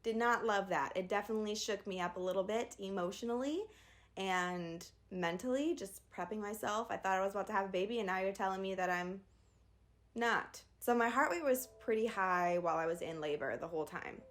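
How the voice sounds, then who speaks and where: A woman's voice: mid-range voice, fairly quick. A young woman vlogger candidly retelling a birth story in a casual storytime. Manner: candid, animated retelling with acted quotes.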